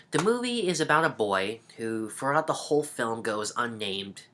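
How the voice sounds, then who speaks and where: A man's voice: medium pitch, sharp tone. A young man giving a chatty, rambling video review of a DVD he is fond of.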